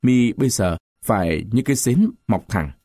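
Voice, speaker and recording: A man doing a stern, grieving old village man, speaking in a heavy, oath-like way. The voice is mellow and low-toned, and the pitch swings widely. The read is dry and close. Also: lively intonation, normal speed, dry recording, natural voice. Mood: solemn grieving.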